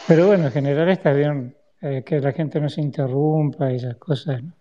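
A man's voice: fairly high pitch, steady tone, brisk, mellow, highs cut off. A man in a voice chat, telling rambling anecdotes full of fillers. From Uruguay. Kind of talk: casual chat. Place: home in Barcelona. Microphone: online voice chat.

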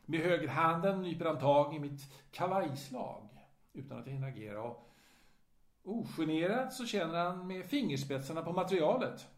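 A man narrating a story in a dramatic, lively way. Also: on the high side. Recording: roomy echo.

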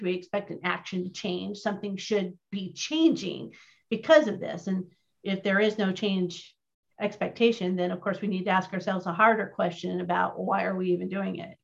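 A woman with a medium-pitched, fairly bright voice leads an informal online training session on a video call. The audio is muffled and lo-fi, and she keeps things upbeat and chatty, frequently putting questions to listeners.

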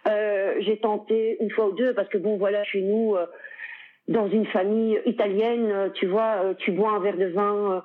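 A middle-aged woman from Belgium talks as an interview guest in a loose, chatty way, full of hesitations and quick laughs. Her voice comes through narrow and tinny, like a phone call. Her pitch sits in an ordinary middle range. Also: steady tone. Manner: chatty, many fillers, frequent laughs. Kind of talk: casual conversational interview.

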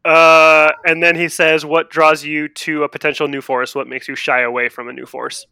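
A man with a bright, forward voice, pitched a little high, recorded close and dry. He hosts a casual talk podcast, reading listener questions and joking in a mock-grandiose way. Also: little pitch movement, normal speed, creaky, smooth, no room sound. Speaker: podcast host.

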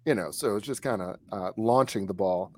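A man's voice: on the low side, fairly quick. A man telling a story in a casual chat, with many fillers and restarts. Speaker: co-host recalling high school kicking.

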